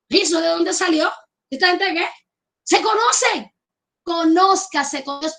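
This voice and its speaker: Woman pastor, Colombian Caribbean accent, very high voice, fervent emphatic sermon. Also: a bit bright. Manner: fervent, emphatic preaching with repeated calls for amen.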